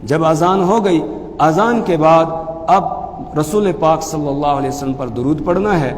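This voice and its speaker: A man teaching as a mufti, explaining pronunciation calmly and then chanting phrases slowly and loudly. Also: on the high side, in a large hall. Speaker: mufti teaching the call to prayer. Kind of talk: religious lesson with chanted demonstrations.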